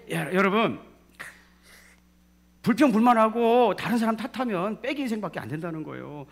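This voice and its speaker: A middle-aged man with a Jeolla Korean accent preaching a sermon, calling out for amens and swinging from loud to hushed. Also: on the high side. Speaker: pastor.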